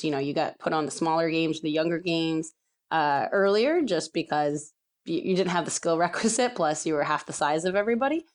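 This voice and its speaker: Guest spot: woman in her 30s, low-pitched, chatty and laughing, lots of fillers. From San Diego, California. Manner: chatty, laughs often, many fillers and restarts. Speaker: soccer referee guest. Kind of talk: casual podcast interview.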